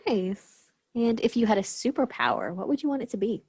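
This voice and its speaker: A woman's voice: a little high, a little fast, darkish tone, breathy edge. A woman interviewer asking prepared questions and giving brief, casual, affirming reactions.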